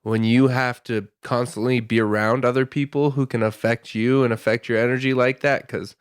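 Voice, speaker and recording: A man co-hosting a podcast in casual chat, agreeable and relaxed, often trailing off softly at the ends of his thoughts. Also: medium pitch, moderate pace, smooth, no room sound, studio quality. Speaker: podcast co-host. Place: podcast studio.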